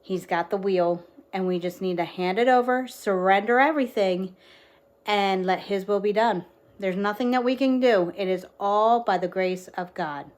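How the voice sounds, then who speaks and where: Woman, faith content creator, mid-pitched voice; casual, earnest devotional chat full of fillers. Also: normal speed. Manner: chatty and earnest, many fillers. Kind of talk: casual devotional talk to camera.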